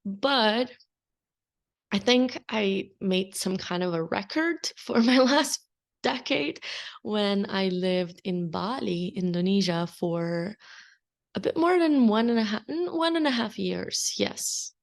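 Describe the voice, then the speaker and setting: A woman at a middling pitch. Her voice carries a gravelly vocal fry. She hosts a podcast in loose, unscripted monologue that wanders from thought to thought. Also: expressive, slow pace. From Slovenia. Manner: open, unscripted, meandering. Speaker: podcast host. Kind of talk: casual solo podcast chat.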